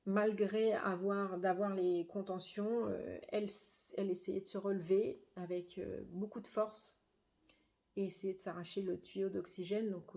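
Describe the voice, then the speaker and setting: A middle-aged woman giving a grieving personal testimony, halting and subdued, with frequent hesitations. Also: medium pitch, dark tone. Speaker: bereaved daughter.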